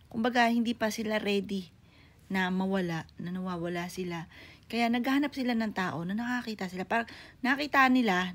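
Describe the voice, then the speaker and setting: A middle-aged woman, a mother telling her viewers a personal story in a halting, often hushed way. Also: mid-range voice. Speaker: grieving mother vlogger. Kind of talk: casual spoken storytelling to viewers.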